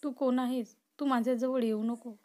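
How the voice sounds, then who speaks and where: A woman's voice: fairly high pitch, steady tone, moderate pace, a little mellow, lightly acted. A woman voicing a frightened young woman held captive, tearful and pleading yet defiant, in a storybook reading.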